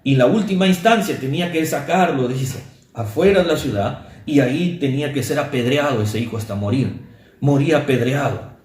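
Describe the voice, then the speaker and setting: A man's voice: medium pitch, moderate pace, darkish tone, echoey room. A male pastor preaching an earnest sermon, often calling his listeners brother.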